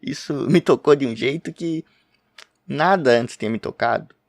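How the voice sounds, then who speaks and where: Speaking at a normal speed in an expressive, medium-pitched voice with vocal fry, a man reviews a favorite manga for his podcast. The sound is clean and studio-like with no echo, though he uses a home webcam setup. He chats casually to camera, rambling, breaking off mid-thought and laughing often.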